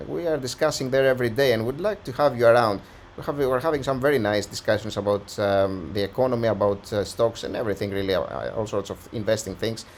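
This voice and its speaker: Slightly hoarse man walking through stocks. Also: medium pitch, slight background noise. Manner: conversational, thinking aloud with frequent restarts. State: slightly hoarse, losing his voice. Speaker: stock analysis channel host. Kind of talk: casual stock analysis walkthrough.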